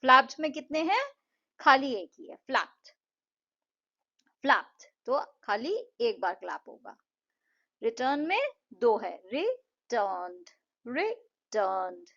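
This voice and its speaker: A woman tutor, her voice a little high, takes children through an English lesson. She talks patiently and stretches words out slowly to show each syllable. The recording sounds dull and lo-fi. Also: sing-song, pushed and bright. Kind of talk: Hindi-English explanation of a textbook lesson.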